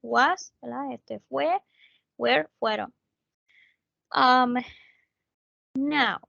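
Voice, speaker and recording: A woman tutor with a Puerto Rican accent talks in an unhurried way and keeps checking that her students follow. Her fairly high voice carries a gravelly edge. The sound is close and dry, dulled by lo-fi call audio. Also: a bit bright, no echo. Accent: Puerto Rican Spanish. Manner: patient, explains step by step, keeps checking with "¿verdad?". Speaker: English tutor. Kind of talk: online tutoring lesson.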